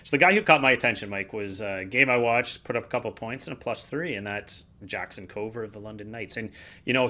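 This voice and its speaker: Male co-host, lowish voice with a bright, forceful edge, relaxed explainer. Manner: explanatory, relaxed, plain-spoken. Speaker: podcast co-host, hockey analyst. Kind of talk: casual sports analysis.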